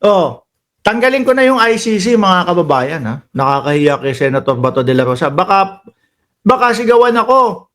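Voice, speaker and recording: A Filipino-accented man hosting a casual political commentary stream, chatty and quick to laugh, calling out to his viewers. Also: high-pitched, very animated, a bit bright. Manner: chatty, laughs often, addresses viewers as bossing and kababayan. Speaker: political commentary livestream host.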